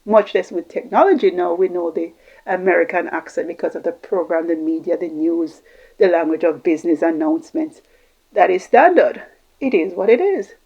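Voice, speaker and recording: A middle-aged Jamaican woman, a communication coach, talks unscripted to camera and rambles through long lists of examples. Her voice is lowish, gravelly and slightly rough, at a moderate pace. The lo-fi recording sounds slightly dull.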